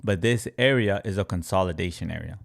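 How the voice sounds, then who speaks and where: Speaking briskly in a low register with vocal fry, a crypto trading educator from Congo responds to questions from his live-stream chat. He leans on emphatic repetition and breaks the charts down one step at a time.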